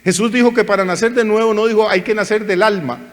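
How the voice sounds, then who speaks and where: A male pastor preaching a sermon, animated and theatrical, often acting out the voices of churchgoers and preachers. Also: high-pitched, quick pace, in a large hall.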